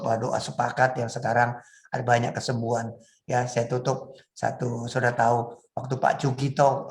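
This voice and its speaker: Middle-aged male preacher, gravelly timbre, earnest sermon delivery with halting pauses. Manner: earnest, rises to emphatic high bursts; halting, many filler pauses.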